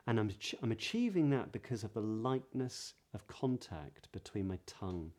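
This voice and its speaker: Male voice coach, British accent, lowish pitch, soft mellow tone, measured explanatory lesson delivery with stressed key words. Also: animated. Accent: British English. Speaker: voice coach, video host. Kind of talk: pronunciation lesson to camera.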